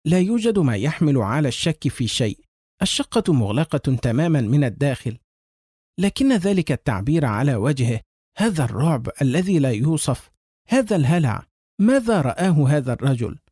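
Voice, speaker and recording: Man reading as a weary police officer, grim, matter-of-fact, lively pitch, dark husky tone. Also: brisk, dry recording, clean studio sound. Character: weary seasoned male police lieutenant colonel.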